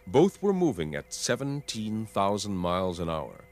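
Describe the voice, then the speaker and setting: A man's voice: fairly low pitch, sing-song, moderate pace, darkish tone. A man reading scripted narration for a documentary.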